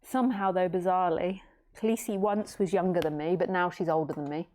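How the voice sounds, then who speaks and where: A woman's voice: fairly low pitch, fairly even intonation, a little fast, darkish tone. A woman in her late thirties, a spiritual teacher giving a casual philosophical talk in a rambling, easygoing way with jokey asides. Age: late 30s.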